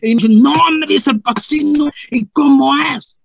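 A man's voice: extremely high pitch, a little slow, gravelly, no room sound, highs cut off, full character voice. A man playing a naive rustic churchgoing man, telling a rambling comic story full of repeated "mire" and acted-out voices. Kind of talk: comic character monologue.

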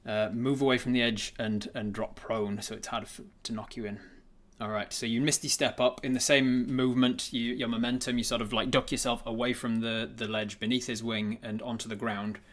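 A man narrating a tabletop game as game master, improvising haltingly and repeating words as he thinks aloud. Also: medium pitch, level tone, a bit bright.

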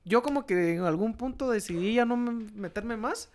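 A young man with a Guatemalan accent, chatting casually and telling stories, often tagging his sentences with a quick "va, vos". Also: high-pitched, expressive. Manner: storytelling, tags sentences with "va, vos". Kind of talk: casual chat.

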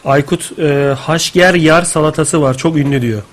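A man co-hosting a live radio show in casual banter, joking and making quick asides. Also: on the high side. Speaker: radio co-host.

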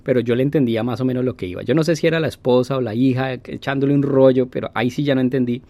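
Man, casual storyteller, animated, plays out voices and sound effects, dry close recording. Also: mid-range voice, rapid-fire, no echo.

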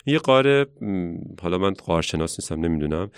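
Low-voiced man recalling his teaching. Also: expressive, clear, resonant tone, dry recording, studio quality. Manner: reflective, thinks aloud. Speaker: science educator. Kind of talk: casual conversational storytelling.

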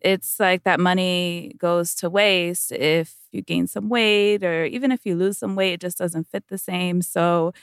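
Laid-back woman podcasting from inside a closet, gravelly but smooth, totally dead dry sound. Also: on the low side, steady tone, unhurried, few pauses, dry recording. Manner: laid-back, says "like" often. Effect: dry, muffled sound from recording inside a clothes closet. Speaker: podcast co-host. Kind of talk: casual chat. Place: home closet.

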